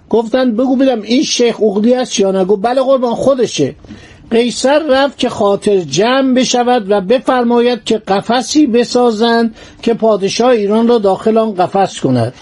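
A male storyteller recounting history with lively narration that slides between formal and colloquial phrasing. His voice sits high for a man yet sounds warm and mellow.

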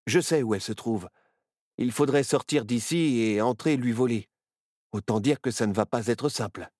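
A man's voice: medium pitch, normal speed, darkish tone, dry recording, close to an everyday voice. A man reading as a journalist trapped in a parrot's body, earnest and matter-of-fact, close to the reader's own voice. He rattles through his explanation in a dry, close read. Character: adult male journalist turned into a parrot, earnest.

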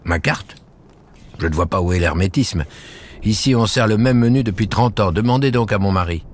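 A man voicing a proud, sharp-tongued older woman cook who briskly dictates a recipe. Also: lowish voice, slight background noise, pitched above the performer's own voice, close to an everyday voice. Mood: commanding. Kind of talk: storybook reading.

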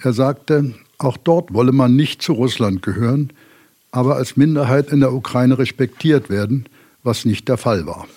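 A man, a former school official, giving a prepared account in a calm, matter-of-fact way. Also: medium pitch, moderate pace, slightly rough.

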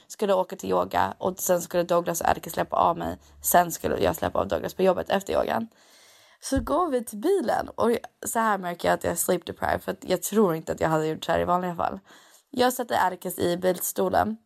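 Gravelly young Swedish woman telling stories. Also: medium pitch. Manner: mixes English phrases into Swedish, animated storytelling. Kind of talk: casual chat.

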